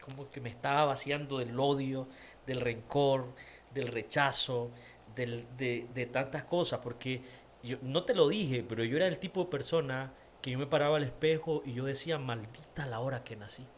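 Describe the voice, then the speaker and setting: A man's voice: medium pitch, moderate pace, a little hiss or hum. A man with a Nicaraguan accent, an interview guest giving a personal faith testimony, repeating words for emphasis. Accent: Nicaraguan Spanish.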